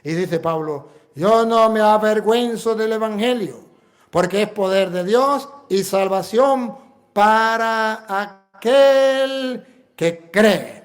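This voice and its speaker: Emphatic high-voiced Venezuelan priest preaching. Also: male voice, slow. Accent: Venezuelan Spanish. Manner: emphatic preacher, rhetorical questions and repetition. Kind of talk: sermon.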